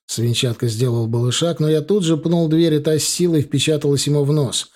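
A man reading a first-person audiobook story in a cool, measured voice. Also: on the high side, fairly even intonation, a little mellow. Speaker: audiobook narrator.

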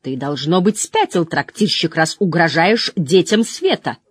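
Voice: mid-range voice, expressive, measured pace, slightly rough, no echo, studio quality. A reader doing a sneering officer. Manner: mocking, threatening, spits words through teeth. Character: sneering male officer of a zealot order. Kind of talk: audiobook reading.

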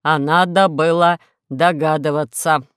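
A woman voicing a gentle robot wardrobe that talks in a slow, plaintive, ponderous way. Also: sits low, steady tone, clean tone, dry recording, studio quality, pitched below the performer's own voice.

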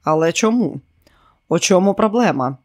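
A man's voice: high voice, expressive, measured pace, full character voice. A man doing a growling, impatient thug. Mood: irritated. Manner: snapping, growling. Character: impatient, menacing male pursuer.

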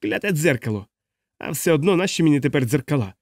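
A man's voice: a little high, expressive, fast, no room sound, studio quality. A man reading an audiobook, voicing a drunk, blind, stout middle-aged publican who talks in a slurred, boisterous, self-pitying way. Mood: drunken grumbling. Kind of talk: audiobook character voice.

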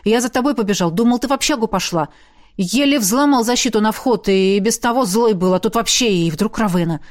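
A jealous, hot-tempered young man from a fantasy audiobook, pleading one moment and throwing accusations the next, as a woman reads him. The voice sits a touch high, with no heavy disguise. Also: brisk, close to an everyday voice. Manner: pleading then shouting accusations.

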